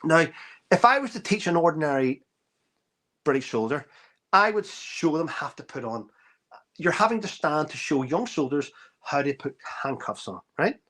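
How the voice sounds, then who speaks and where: Middle-aged man, slightly high voice, casual storytelling, acts out dialogue, frequent restarts. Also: normal speed. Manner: animated anecdote-telling with acted-out dialogue and frequent restarts. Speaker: author and army veteran guest.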